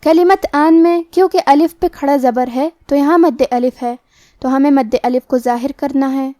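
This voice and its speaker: A woman teaching recitation rules in a slow, careful way, going through each letter step by step. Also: high voice, steady tone, warm tone, no room sound, clean studio sound. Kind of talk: tajweed lesson, explaining rules and reciting.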